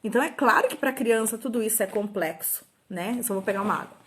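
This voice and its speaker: A middle-aged woman teacher with a Brazilian Portuguese accent who explains step by step, sounding out syllables slowly and often checking in with her listeners. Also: on the high side, slight background noise. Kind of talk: informal talk on teaching children to read.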